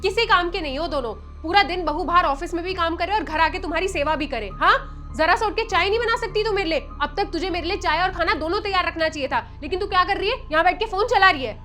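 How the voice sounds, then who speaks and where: Actress as insulting young daughter-in-law, commanding, high voice, light music behind. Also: female voice, quick pace, sharp tone. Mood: contemptuous.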